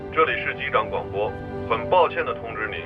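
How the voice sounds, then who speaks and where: An actor playing an airline captain, making a calm, measured, formal cabin announcement to passengers. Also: male voice, medium pitch, lo-fi sound, music in the background, close to an everyday voice. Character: composed male airline captain.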